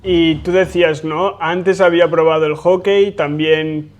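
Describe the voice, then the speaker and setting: Male podcast host, a bit high-pitched, friendly and conversational. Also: steady tone, unhurried. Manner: friendly, asks long framed questions. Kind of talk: conversational interview hosting.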